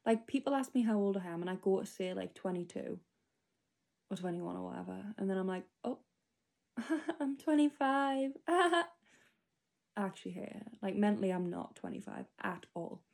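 Young woman, 25, mellow voice, rambling diary-style monologue, lots of fillers. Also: mid-range voice, animated, moderate pace, gravelly. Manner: rambling, filler-heavy casual talk. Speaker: podcast host.

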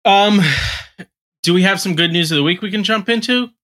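A man hosting a casual podcast chat, easygoing and full of quick questions. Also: high-pitched, a bit bright. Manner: easygoing, quick questions, laughs between lines. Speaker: podcast host.

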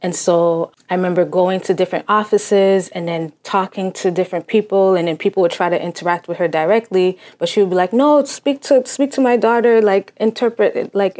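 In a casual, reflective interview, a young woman from Cambridge, Massachusetts speaks at a fairly quick pace in a medium-pitched, slightly mellow voice. Haitian Creole is her first language, and she uses fillers frequently.

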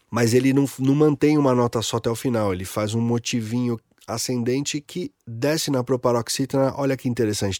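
Homem brasileiro explicando música, falando solto. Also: male voice, medium pitch, a little mellow, no room sound, studio quality. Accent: Brazilian Portuguese. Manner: casual, profane, demonstrative, sings short examples. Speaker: music educator. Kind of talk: casual music analysis episode.

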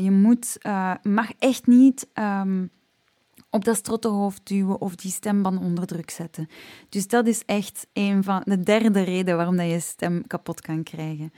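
A woman with a Flemish accent talks through voice-care tips in a relaxed, conversational way, pausing often on filler sounds. Her tone is warm and dark. She is recorded close and dry, with no room sound. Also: mid-range voice, no room sound. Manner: chatty, frequent "ehm" fillers, laughs at herself. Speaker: singing teacher. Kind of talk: casual spoken vocal health tips.

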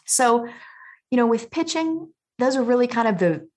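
A woman guest on a podcast, giving advice in an energetic, emphatic coaching way. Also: fairly high pitch, normal speed. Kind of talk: conversational interview.

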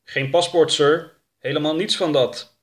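A man's voice: a little high, fairly even intonation, a little slow, pitched above the performer's own voice, lightly acted. A man voicing an eager, obedient young man in a storybook reading, deferential to his boss.

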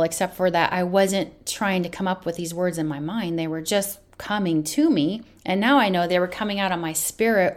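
A woman in her late fifties, hosting a podcast and telling her personal faith testimony in an earnest, emphatic way. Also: medium pitch. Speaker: podcast host.

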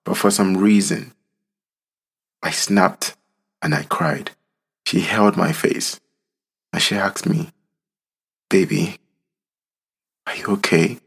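Deep gravelly man, solemn. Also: fairly bright tone. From Nigeria. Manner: slow, solemn, deliberate delivery. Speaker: vlogger telling his own story. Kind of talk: reflective personal narration.

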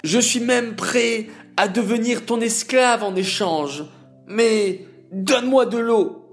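Villain: arrogant, furious prime minister, shouting and gloating, pitched high above the male narrator's own voice. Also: expressive, takes it slowly, soft background music, exaggerated voice. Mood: begging.

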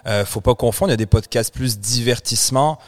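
A man's voice: medium pitch, fairly quick. Chatty French-born man co-hosting a podcast. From France. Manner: chatty, rambling, frequent restarts. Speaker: podcast co-host. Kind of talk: casual chat.

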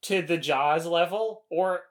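A man's voice: on the high side, slow. A man co-hosting a podcast in casual chat, often hunting for words with "like". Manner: loose, searching for words with "like". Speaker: podcast co-host.

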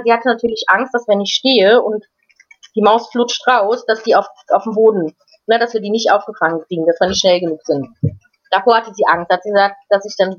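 Halting, higher-voiced woman telling her story. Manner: halting, frequent restarts and repeated words. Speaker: interview guest. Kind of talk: casual personal storytelling. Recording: dull lo-fi recording.

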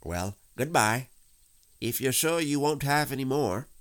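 A man's voice: mid-range voice, animated, unhurried, voice pushed up, lightly acted. Guy doing fussy stern storybook rabbit, proper n pointed, voice jumps up and down. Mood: polite, evasive. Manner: clipped, proper, polite but pointed. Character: fussy, brisk, stern male rabbit, politely exasperated.

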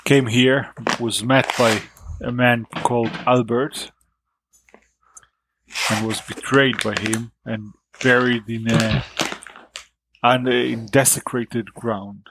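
Slow low-ish guy at a tabletop game, lots of uhs, faint keyboard clicks. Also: steady tone, noisy background. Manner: halting, filler-heavy recounting. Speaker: player.

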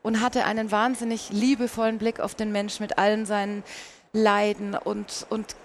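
A woman's voice: mid-range voice, flat delivery, moderate pace, a little hiss or hum. A woman, a painter and singer, talking as an interview guest, recounting her path in a reflective way. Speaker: guest, painter and mezzo-soprano. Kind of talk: conversational interview storytelling.

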